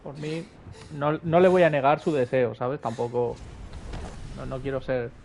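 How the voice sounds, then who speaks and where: A young man from Spain with a Spanish accent, doing excitable live game commentary, swearing often and repeating words in bursts. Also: medium pitch, unhurried, gravelly, a little hiss or hum. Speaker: game streamer.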